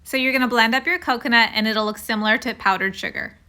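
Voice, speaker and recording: A woman's voice: on the high side, fast talker, sharp tone. A woman hosting a home cooking video, talking through a recipe step by step in a casual, friendly way.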